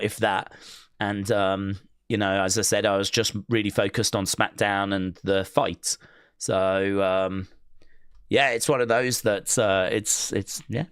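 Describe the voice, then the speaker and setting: Hosting a wrestling watch-along stream, a man with a fairly low, gravelly voice chats casually and reads out viewer comments. He rambles, with plenty of fillers and restarts. The studio-quality audio has no room sound.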